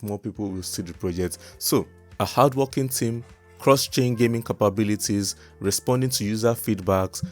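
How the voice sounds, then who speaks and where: A man's voice: on the low side, a little mellow. A man presenting a promotional crypto review vlog in the manner of a crypto bro, making repeated, emphatic selling points. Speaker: crypto YouTube host. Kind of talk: scripted-style vlog narration, promotional review.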